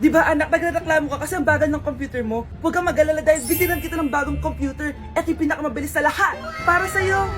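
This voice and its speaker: A doting mother coos over her child in a high, bright voice, as a woman acts it out. She sounds sugary and affectionate, like a comedy sketch mom. Music runs underneath. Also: very fast, hardly any pauses, natural voice. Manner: sweet and doting. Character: doting, overly sweet mother. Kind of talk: comedy skit.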